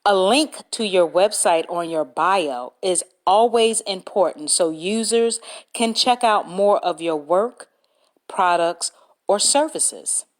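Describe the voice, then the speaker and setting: Woman doing a solo podcast, slow and careful, reads her tips out and spells words letter by letter. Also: medium pitch. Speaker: podcast host. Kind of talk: solo podcast talk giving business tips.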